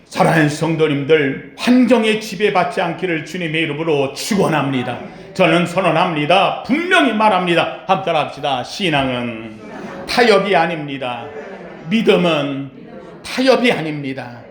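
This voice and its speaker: A male pastor preaching a sermon with passion, sometimes shouting to stress his point. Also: on the high side, animated, moderate pace, roomy sound. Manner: impassioned preaching, shouting out the pleas of the blind beggar.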